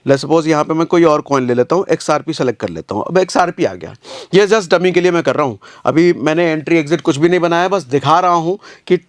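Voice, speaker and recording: A man's voice: on the high side, fast talker, no room sound, studio quality. A man giving a casual screen-recorded trading tutorial, talking viewers through a chart and repeating his points. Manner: casual, addresses viewers as bhaiya, repeats phrases.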